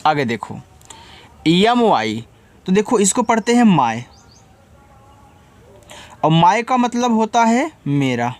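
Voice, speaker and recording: A man's voice: high-pitched, sing-song, slow pace, long pauses. A man who teaches English and spells words out letter by letter, then patiently explains how to read them. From India. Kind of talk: spelling lesson.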